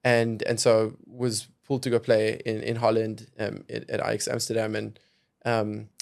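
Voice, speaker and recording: With a lowish, monotone voice marked by vocal fry, a young South African man speaks at a moderate pace as a guest on a casual podcast. He works in venture capital and hedges often, leaning on "kind of" and "you know" as he thinks aloud.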